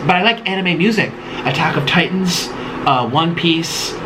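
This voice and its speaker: A man's voice: a little high, moderate pace. A man in his late twenties chatting loosely while eating, reading viewer questions aloud and rambling with many ums and little giggles. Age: late 20s. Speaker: mukbang host. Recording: steady air-conditioner hum behind.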